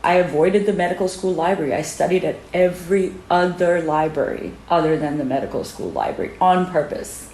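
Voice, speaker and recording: Low-voiced earnest woman from Sri Lanka. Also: animated, a little fast, hardly any pauses, darkish tone, reverberant, a little hiss or hum, rough recording. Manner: earnest, personal and emphatic. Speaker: interviewee, doctor. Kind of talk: interview.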